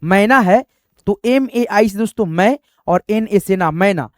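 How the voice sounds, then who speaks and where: A man's voice: high-pitched, unhurried, no echo, studio quality. A man teaching a spoken lesson, patiently spelling out letters one by one.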